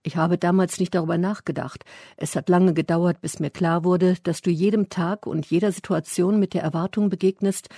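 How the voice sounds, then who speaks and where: Husky, mellow-voiced male narrator. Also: sits high, no room sound, studio quality. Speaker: audiobook narrator. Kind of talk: first-person literary narration.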